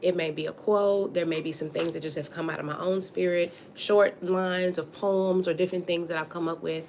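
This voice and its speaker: Low, even-voiced woman telling her story. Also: brisk. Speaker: interview guest. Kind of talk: conversational personal storytelling. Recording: faint background noise.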